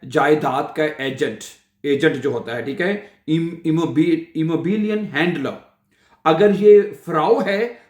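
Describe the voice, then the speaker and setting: A man gives a German vocabulary lesson in Urdu. His voice sits a little high, and he draws out each German word very slowly. The sound has a noticeable echo from the room. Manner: reads German words and sentences very slowly, then explains them in quick Urdu; fills the talk with "ठीक है" and "अ". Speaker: German language teacher. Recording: echoey room.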